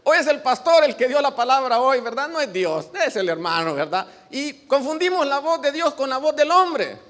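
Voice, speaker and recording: A man's voice: extremely high pitch, big pitch swings, moderate pace, fairly bright tone, long reverb tail. A male pastor preaching an earnest sermon to his congregation, often asking them for agreement.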